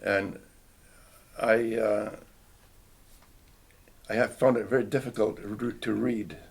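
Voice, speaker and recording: This older man from Canada, whose first language was Finnish, recalls his childhood in an oral history interview. He speaks slowly in a steady, lowish voice, hesitant and reflective, often restarting and clearing his throat.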